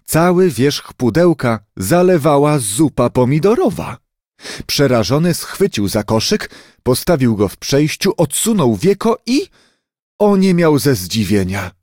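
A man reading a children's storybook aloud, expressive and unhurried. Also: fairly high pitch, no room sound, clean studio sound. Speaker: narrator.

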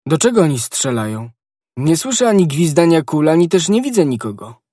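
A man reading the part of a hearty, slow-witted musketeer in an audiobook, eager and naive. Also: on the high side, big pitch swings, warm tone, dry recording, studio quality, voice pushed up.

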